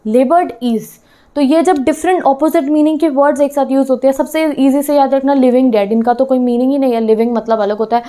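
A woman teaching a class in a fairly high, warm and mellow voice. She slips English terms into her explanations and keeps asking her students questions. She checks again and again that they are keeping up. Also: steady tone, quick pace, hardly any pauses. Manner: keeps checking in with "theek hai".

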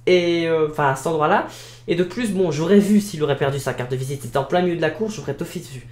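A man with a Belgian French accent improvises casual role-play dialogue, colloquial, repetitive, and talkative. His voice is a little high, fast, and a little mellow. The recording has an echoey room sound.

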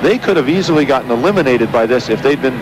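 A man's voice: medium pitch, expressive, quick pace, noisy background. A man commenting on a kayak race as an expert, explaining strokes and tactics. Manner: analytical, predictive. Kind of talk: sports commentary.

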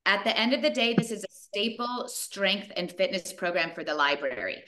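A woman in her forties on a video call, presenting a fitness program to her partners in an energetic, emphatic way and repeating points for stress. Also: medium pitch, moderate pace. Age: 40s.

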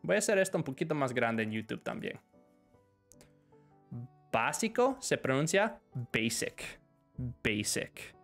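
A man's voice: on the high side, very animated, moderate pace, gravelly, pauses often, a bit bright. Man, live stream English lesson, switches languages, answers chat, faint music underneath. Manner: switches between Spanish and English, reads questions aloud.

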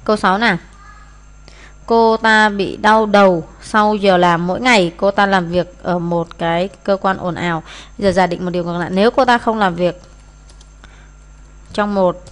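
Woman walking through exam answers. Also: mid-range voice. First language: Vietnamese. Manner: explains in Vietnamese, reads English phrases aloud; hesitant, frequent fillers. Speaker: English teacher.

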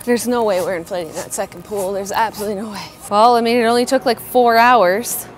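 A woman's voice: medium pitch, brisk, slight background noise. A young woman talking casually to camera in a vlog, sarcastic and laughing, outdoors in a yard. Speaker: vlogger.

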